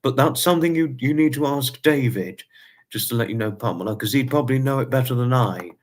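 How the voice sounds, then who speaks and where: Speaking fairly quickly at a medium pitch, a man in his twenties hosts a relaxed livestream. He often says things twice and favors old-fashioned, formal-sounding expressions.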